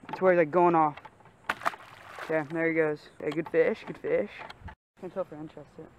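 A man's voice: a little high, steady tone, normal speed, background noise. A teenage boy casually narrating his fishing trip by a pond, offhand and slangy, recorded outdoors on a camera mic. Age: teens. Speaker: vlogger. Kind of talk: casual fishing vlog commentary.

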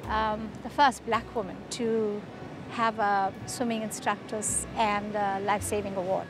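A woman's voice: medium pitch, flat delivery, unhurried. An older woman, reminiscing in a documentary conversation outdoors. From South Africa. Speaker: documentary interviewee. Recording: music behind the voice.

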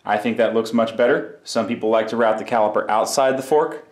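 A bike mechanic in his workshop walks through a repair step by step, casual and practical. His voice is on the low side and a little fast, with a roomy sound.

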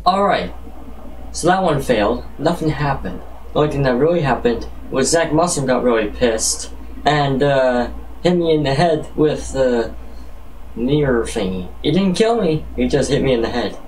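Animated, jokey man vlogging with faint noise. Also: medium pitch, normal speed, distant mic, rough recording. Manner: profane, jokey, exaggerated reactions. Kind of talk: comedic challenge vlog with casual rambling.

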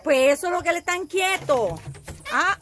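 A woman's voice: very high-pitched, expressive, moderate pace, fairly bright tone, a little hiss or hum. A woman filming her goats and sheep in an outdoor pen, talking to the animals in a soothing, cooing way and laughing often. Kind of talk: casual phone vlog with animals. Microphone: handheld phone.

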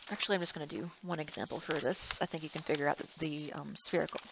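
A woman's voice: sits low, steady tone, quick pace, vocal fry, noisy background. A woman engineering instructor giving a recorded lecture, rambling and correcting herself with wry asides. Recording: dull, slightly muffled, dry sound.

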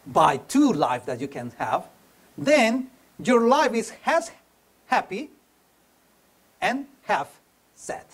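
Earnest man preaching a sermon. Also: high voice. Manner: earnest, repeats and restarts phrases, non-native grammar. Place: church hall.

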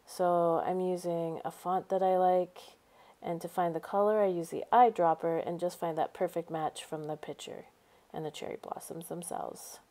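A woman's voice: lowish voice, fairly even intonation, moderate pace, warm tone. A woman teacher narrating a screencast tutorial, explaining each step in an upbeat way. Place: voice-over over a screen recording.

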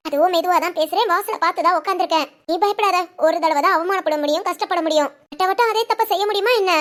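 A woman's voice: very high voice, quick pace, a bit bright. Woman voicing an anxious young pregnant wife. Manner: pleading, worried, earnest. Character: young pregnant married daughter, anxious and put-upon. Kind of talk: cartoon family drama phone call.

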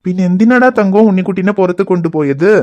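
A performer voicing a patient cartoon father who calmly reassures his children and explains things to them. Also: medium pitch, quick pace, dull audio, natural voice. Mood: gentle. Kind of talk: cartoon voice acting.

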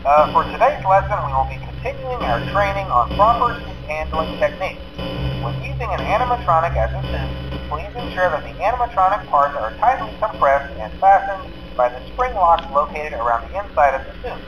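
Polite male company trainer in a video game, instructional, highish lively voice. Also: a little fast, background noise. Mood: polite, instructive. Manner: matter-of-fact, polite, instructional. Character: upbeat male company trainer on a recorded phone message. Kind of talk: scripted instructional narration.

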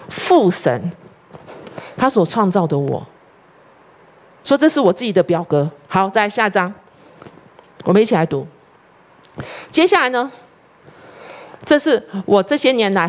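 A middle-aged woman preacher, delivering a sermon and asking the congregation questions. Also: medium pitch. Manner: animated, rhetorical questions to the congregation.

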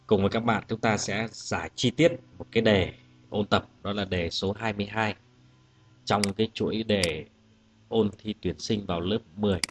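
A male teacher walking students through an exam-prep lesson, patient and methodical, saying each example word twice before explaining it. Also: on the low side. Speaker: English teacher.

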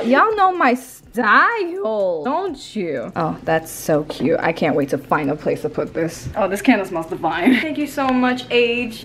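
Excitable young woman vlogger unboxing. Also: medium pitch, slight background noise. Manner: excitable, swearing, gushing with squeals and laughs. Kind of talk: casual unboxing chat.

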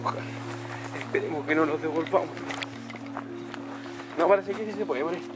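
A man's voice: fairly high pitch, fairly quick. A Chilean man chatting casually as he walks outdoors at night on an exploration vlog. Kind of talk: casual chat while walking at night. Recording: loud music over outdoor camera sound. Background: loud music.

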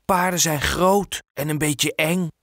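A small, cautious boy with a raised, boyish voice that turns quiet and a bit sulky, as a male storyteller puts him on. His lines are short and plain. Dry, close sound. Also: on the high side, fairly even intonation, slow, dry recording, voice pushed up. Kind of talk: audiobook character voice.

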